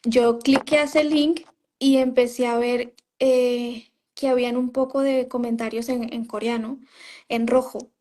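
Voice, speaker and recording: She speaks a little slowly, her voice on the high side, a little mellow, with little pitch movement. An interview guest and ex-member of a religious group, she tells her story conversationally, quoting herself often, with frequent "¿sabes?" and "o sea".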